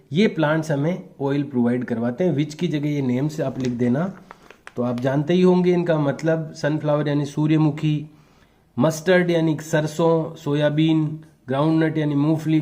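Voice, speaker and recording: A male teacher slowly dictating answers and translating each phrase for his pupils. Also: a little high, a little mellow. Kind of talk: classroom lesson, bilingual explanation.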